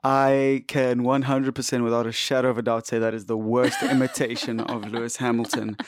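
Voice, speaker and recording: A man's voice: mid-range voice, level tone, fairly quick, dry recording. Guy on a podcast, dry teasing humor, close dead mic. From South Africa. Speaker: podcast co-host. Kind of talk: casual chat.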